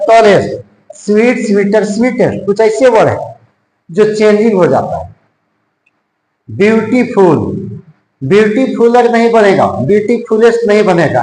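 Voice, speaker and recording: A man from India teaching English grammar, mixing Hindi and English with a Hindi accent and slowly repeating his examples. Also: sits high, darkish tone, echoey room, low-quality recording. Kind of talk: classroom-style grammar lesson.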